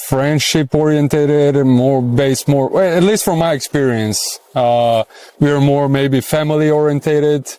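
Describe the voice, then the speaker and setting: A Serbian-accented man in his thirties talks casually, pausing often and filling gaps as he thinks aloud. His voice is smooth and resonant at a middling pitch. The sound is dry and close. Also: a little mellow, no room sound. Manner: hesitant, many fillers, thinks aloud. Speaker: interviewee. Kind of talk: casual street interview.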